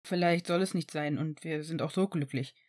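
A woman voicing a young adult man and father in a story reading, speaking softly and tenderly with small hesitations. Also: low-pitched, normal speed, pitched below the performer's own voice, close to an everyday voice.

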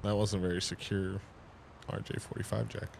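A man's voice: low voice, level tone, moderate pace, creaky, a little mellow, a little hiss or hum. A young man co-hosting a reaction video, making laid-back comments into a studio mic. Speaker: reaction channel co-host. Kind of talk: casual reaction chat. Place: small room with red lighting, indoors. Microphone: studio mic on boom, headphones.

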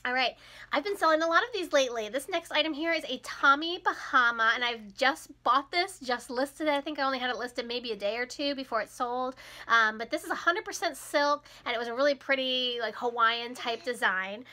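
A chatty woman in her thirties speaks close to the camera in a small room at home. Her voice sits high and rings brightly, with a slight froggy edge from a cold, and she laughs easily as she talks. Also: brisk. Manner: chatty and upbeat, laughs often. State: recovering from a cold, a bit hoarse. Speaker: resale vlogger. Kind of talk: casual chat.

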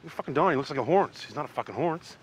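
An actor playing a muddled, loyal friend who rambles and mangles sayings. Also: male voice, a little high, expressive, rapid-fire, slight background noise, lightly acted. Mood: reassuring.

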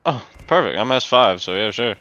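Young man, forceful bright voice, lowish pitch, casual co-player game chat, faint music. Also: expressive, normal speed, no room sound, dull audio. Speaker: gaming co-player.

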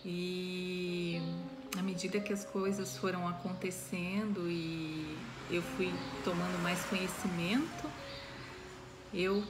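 A woman in her forties giving a casual talk to the camera, unhurried, with pauses and frequent questioning tags. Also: fairly low pitch. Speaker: Reiki student giving a talk. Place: small room indoors.

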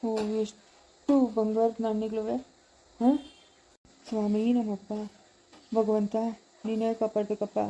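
A woman's voice: medium pitch, monotone, takes it slowly, long pauses, dark tone, low-quality recording. A woman playing a weary, pious elderly village grandfather in a home-made family drama, speaking humbly and deferentially. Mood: pious, wondering. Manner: humble and deferential, pleading, plain-spoken.

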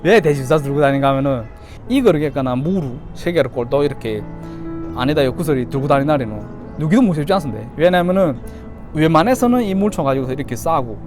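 This man, in his thirties and from Yanbian, China, tells childhood stories to his YouTube audience in a casual, fast, slightly high voice with lively intonation. His Chinese-Korean Yanbian accent is clear, and music plays underneath.

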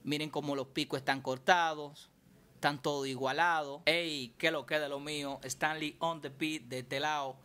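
A man's voice: on the high side, steady tone, moderate pace, bright, forceful tone, smooth. A man giving a casual tutorial on mixing vocals, chatty and repeating himself as he explains. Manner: chatty, repeats and restarts phrases while explaining. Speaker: music producer teaching vocal mixing.

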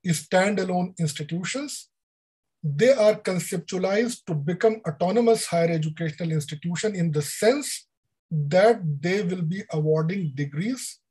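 An older man with an Indian English accent giving an online lecture over a video call, explaining deliberately with frequent fillers. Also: high-pitched, darkish tone, slightly rough, rough recording. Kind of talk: online lecture on education policy.

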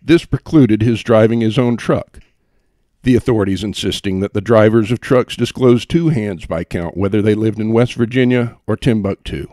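A man's voice: lowish voice, normal speed, warm tone, no echo, clean studio sound. A man reading a humorous first-person story aloud, with a wry, theatrical delivery. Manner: wry, theatrical delivery with playful voices for quotes. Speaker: audiobook narrator.

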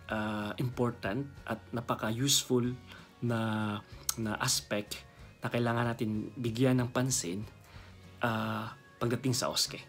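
A man in his thirties from the Philippines, a native Bisaya speaker with a Filipino accent, hosts a casual instructional vlog as a nurse educator, explaining things in Taglish, a mix of Tagalog and English. He speaks at medium pitch from a small indoor room.

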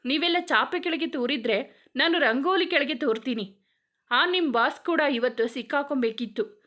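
A woman's voice: high-pitched, fairly bright tone. A woman voicing a tough male police officer who interrogates suspects in a commanding, threatening way.

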